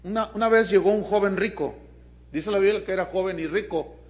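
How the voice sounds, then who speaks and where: High-voiced Mexican pastor preaching emphatically. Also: male voice, a little fast. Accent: Mexican Spanish. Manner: emphatic, keeps asking the congregation questions. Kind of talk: sermon.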